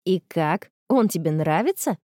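Woman as wry schoolgirl who teases, quiet low delivery, dry sound. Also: lively intonation, normal speed, no room sound, natural voice. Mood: sly. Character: sly teasing teenage girl.

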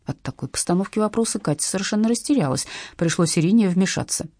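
A woman reading an audiobook aloud in an expressive, wry storytelling manner. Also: medium pitch, fast talker, slightly rough, no echo, clean studio sound. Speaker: audiobook narrator.

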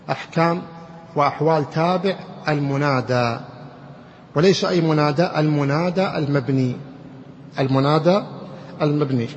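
In this classroom lecture on grammar, a somewhat high-voiced man walks students slowly through each step and peppers them with rhetorical questions. Sound quality is muffled and dull, a faint hiss runs underneath, and a long reverb trails off the hall.

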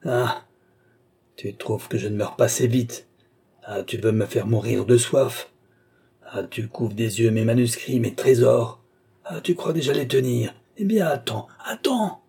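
A man voicing a dying old alchemist who pleads, rages and screams in a hoarse, harsh voice. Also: fairly even intonation, measured pace, dark tone, heavily acted. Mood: bitter. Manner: shrill pleading cries turning to furious screams. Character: dying old male alchemist, raging and vengeful.

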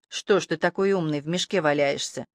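A prickly young village girl, wary and quick to take offense, voiced by an audiobook narrator. The sound is close and dry, with a middling pitch. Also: no echo, lightly acted. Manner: wary, indignant. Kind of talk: audiobook character voice.

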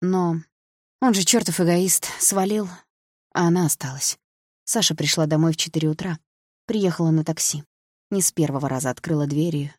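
A woman narrating a novel as an audiobook, in an even, measured reading. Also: sits low, dry recording, clean studio sound.

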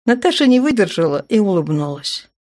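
A woman reading a novel aloud as audiobook narrator, in an even, measured way. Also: mid-range voice.

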